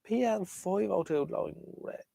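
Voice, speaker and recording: A high, creaky, mellow voice belongs to an Irish livestream host talking vintage radios with his viewers at normal speed. His casual chat is hesitant and opinionated, often trailing off and skipping between ideas, recorded in clean studio sound without echo.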